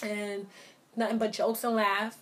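A woman's voice: medium pitch, level tone, measured pace. A young woman co-hosting a podcast in loose, casual chat, laughing often. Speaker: podcast co-host.

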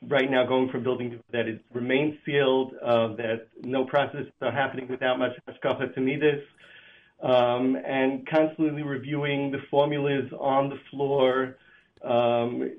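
A man on a speakerphone call, a kosher supervisor at a flavor plant, speaking in a halting way as he searches for words. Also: medium pitch, little pitch movement. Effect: phone on speakerphone. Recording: tinny phone line.

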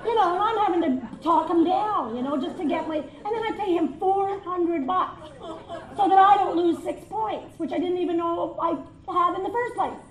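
High-voiced woman doing stand-up. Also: moderate pace. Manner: animated storytelling, acting out both sides of conversations. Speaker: stand-up comedian. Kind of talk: stand-up comedy routine. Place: live venue with audience. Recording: echoey room with crowd.

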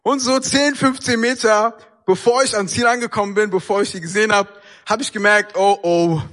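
A young man with a high, bright voice gives a casual, storytelling sermon. He talks in everyday slang and acts out the people in his story with lively shifts of voice. His tone is crisp and clear throughout. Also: brisk. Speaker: preacher.

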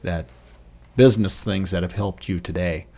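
A man with a somewhat low voice hosting a casual podcast interview. He asks questions in a friendly, encouraging way and often answers with short affirmations. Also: fairly even intonation, moderate pace, a little mellow, a little hiss or hum. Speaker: insurance agent, podcast host.

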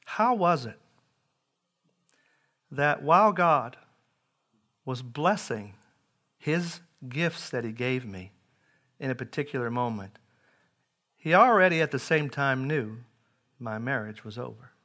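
A man in his forties preaching a sermon, earnest, rising loud on key lines and dropping quiet after. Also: mid-range voice, expressive, slow pace, long pauses. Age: 40s.

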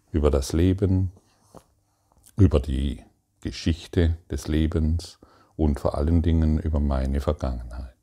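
Deep, slow-spoken man giving spiritual teaching. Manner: addresses listener directly with probing questions; calm, halting phrasing with long pauses. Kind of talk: meditative spiritual talk.

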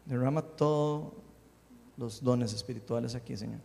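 A man preaches a sermon at normal speed in a creaky voice, praying aloud and reading scripture. His delivery swings passionately between loud, lifted phrases and soft, low prayer, and a long hall reverb follows him.

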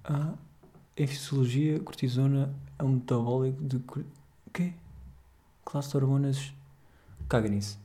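Rambling young Portuguese man, mellow voice. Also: mid-range voice, fairly even intonation, a little slow, long pauses. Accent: European Portuguese. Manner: rambling, jokey, slangy, with frequent fillers. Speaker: podcast host. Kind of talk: casual podcast chat.

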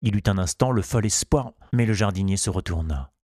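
A man reading a children's storybook aloud in a measured, unhurried way. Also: on the low side, mellow, dry recording, studio quality. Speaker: narrator.

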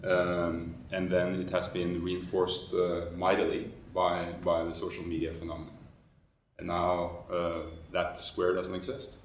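Deep flat man. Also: slight background noise. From Norway. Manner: measured, hesitant restarts. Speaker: panelist. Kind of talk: roundtable discussion. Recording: roomy echo, mic far off.

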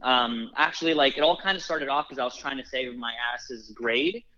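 A man's voice: mid-range voice, normal speed, pushed and bright, dull audio. A young man from Los Angeles telling stories casually, with many likes and restarts. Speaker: film producer. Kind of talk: casual storytelling.

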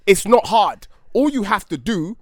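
Male London podcast co-host, high-ish very animated voice, slangy and insistent, casual debate, dry close sound. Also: a little slow, no room sound.

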